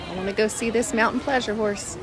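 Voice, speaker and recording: A woman's voice: medium pitch, fairly even intonation, fast talker. A woman hosting a casual live vlog, chatting as she goes. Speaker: live stream host visiting a horse show. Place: outdoors at a horse show. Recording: noisy outdoor crowd behind.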